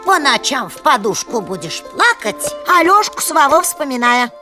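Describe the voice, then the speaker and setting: An actress playing a folksy old grandmother in an animated film, knowing, sly and needling. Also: high-pitched, normal speed, faint music behind, exaggerated voice. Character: old granny, folksy, slyly agreeing and needling. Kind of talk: animated film character acting.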